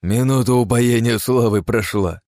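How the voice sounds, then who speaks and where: A man voicing a furious, greedy aristocrat who shouts and snarls. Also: mid-range voice, normal speed, dry recording, pitched above the performer's own voice, natural voice. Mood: gloating. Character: furious greedy middle-aged male aristocrat.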